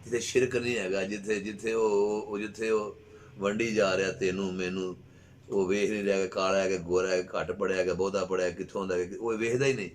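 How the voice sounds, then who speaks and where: A man with a Punjabi accent giving a Sufi spiritual talk, impassioned and often rising to loud exclamations. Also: deep voice, little pitch movement, a little fast, a little hiss or hum. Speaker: Sufi speaker.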